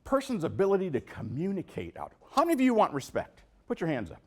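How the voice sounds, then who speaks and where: A New Yorker with a voice that sits high talks at a quick pace while giving an animated motivational speech at a business meeting. He asks the audience questions and acts out quotes.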